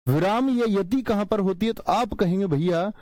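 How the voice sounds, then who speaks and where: A male teacher giving an online class lecture, speaking slowly, repeating key terms and quizzing his students. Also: high voice, a little mellow, no echo. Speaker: Hindi teacher.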